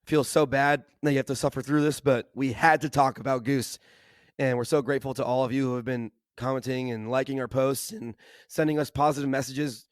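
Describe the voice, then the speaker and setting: Hoarse guy cohosting a podcast, lost his voice, rambly and excited, dry close sound. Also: medium pitch, fairly quick, no echo. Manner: enthusiastic, uses lots of "like" and "kinda". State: hoarse from laryngitis. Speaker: podcast co-host. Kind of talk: casual chat.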